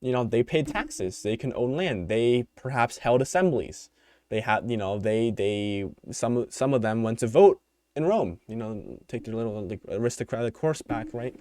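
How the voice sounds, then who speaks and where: On his solo podcast, a young man from the United States rambles through his opinions off the cuff, full of fillers and restarts. His voice is mid-range, expressive, and a little mellow at a moderate pace, though it's starting to tire. Clean studio audio, no echo.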